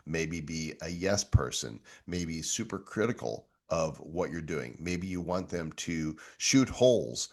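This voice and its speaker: A middle-aged man with a very low voice hosts a tech show. He talks in a relaxed, conversational way, easily amused as he walks through a demo. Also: measured pace, few pauses. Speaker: show host. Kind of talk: casual tech walkthrough.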